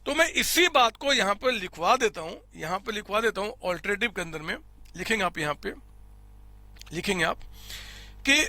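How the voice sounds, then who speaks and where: A man's voice: sits high, expressive, normal speed, long pauses, pushed and bright, no room sound. A man teaching an accounting class, explaining step by step, repeating figures aloud and calling his students his children. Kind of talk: classroom lecture. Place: recording studio. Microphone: close studio mic.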